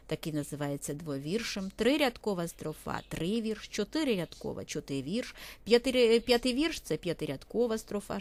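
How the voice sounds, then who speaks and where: A woman teacher talks students through a poetry lesson in a methodical, step-by-step way. She speaks straight to the class while narrating over a set of slides. Her voice sits at an ordinary middle pitch. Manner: methodical, explanatory, addressing students directly.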